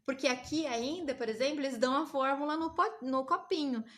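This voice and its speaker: A woman from Brazil hosting a live stream, telling a personal story to her viewers with emotional, animated retellings. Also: high-pitched, fairly quick.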